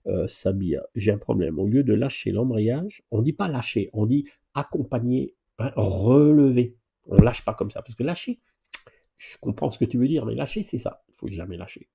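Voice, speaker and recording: A man acting as a driving instructor hosts a casual live question-and-answer lesson, chatting with viewers in a familiar way full of playful exclamations and lively asides. His medium-pitched voice moves at a moderate pace and sounds creaky and slightly rough.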